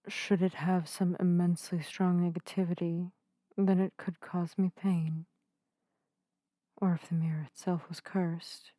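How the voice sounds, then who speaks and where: Speaking as a gentle witch in an intimate ASMR roleplay directed at the listener, a woman uses a soft, warm, lowish voice that's reassuring and soothing. Her earnest, lightly acted delivery features quaint, old-fashioned formal phrasing, picked up by a close microphone in a dry space without echo.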